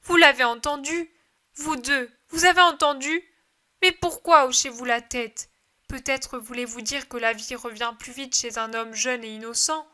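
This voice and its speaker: A woman's voice: on the high side, steady tone, moderate pace, few pauses, sharp tone. A woman reading aloud gives voice to a grieving mother who pleads and cries out in desperate faith. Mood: pleading. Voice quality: emotional pleading delivery.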